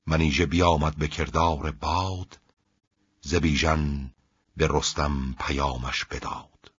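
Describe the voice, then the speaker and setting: A man reciting classical epic poetry in a measured, rhythmic chant. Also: very deep voice, fairly even intonation, fairly bright tone, husky, no echo. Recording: dull, lo-fi dry recording.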